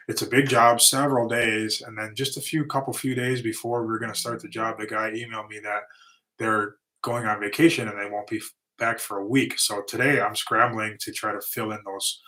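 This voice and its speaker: Over poor audio, a middle-aged livestream host with a lower-pitched voice reads chat questions in a casual Q&A. Owner of a lawn and concrete business, he rambles in a relaxed way with restarts and fillers, and his voice is growing tired.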